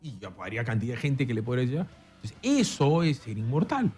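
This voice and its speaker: Husky, emphatic Peruvian man. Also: medium pitch, big pitch swings, fast talker, darkish tone, faint music behind. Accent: Peruvian Spanish. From Peru. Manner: emphatic, storytelling. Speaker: interview guest. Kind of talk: animated political conversation.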